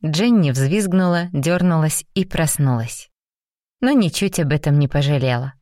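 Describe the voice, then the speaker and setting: Low-voiced woman narrating a romance. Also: lively intonation, normal speed, warm tone, no room sound, studio quality. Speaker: audiobook narrator. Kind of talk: scripted narration of a romance novel.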